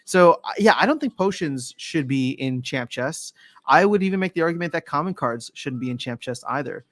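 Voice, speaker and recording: On a livestream, a man chats casually, reading out viewer comments and replying, often restarting and fixing his phrasing. His slightly high voice is animated and brisk, with no echo, and sounds a bit worn from lots of talking.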